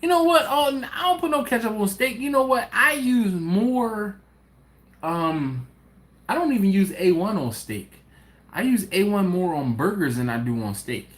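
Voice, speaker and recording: A barbecue channel host runs a casual live stream, reading viewer comments aloud and addressing viewers directly as he rambles and restarts often. His voice is high-pitched with lively intonation at normal speed. The recording has a roomy echo and faint ambient noise.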